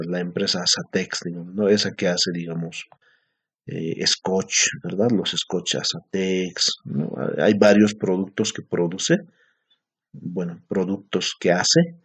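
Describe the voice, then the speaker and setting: A man's voice: low-pitched, breathy edge. A man teaching an Aymara class, explaining patiently and checking in with his students often. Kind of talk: recorded language lesson. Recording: dull lo-fi recording.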